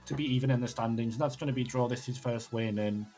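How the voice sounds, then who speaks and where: A hyped, husky-voiced esports caster. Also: male voice, medium pitch, fast, soft background music. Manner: excitable, swears, breathless after a close game. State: out of breath. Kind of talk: live esports commentary.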